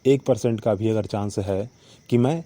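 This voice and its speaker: A man talks alone on his podcast in an unhurried, reflective way, ticking off his points one by one. His voice sits low and has a warm, mellow tone. He keeps checking in with the listener as he goes. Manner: reflective, repeats points with "ठीक है" and "ना". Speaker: podcast host. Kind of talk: casual spoken monologue.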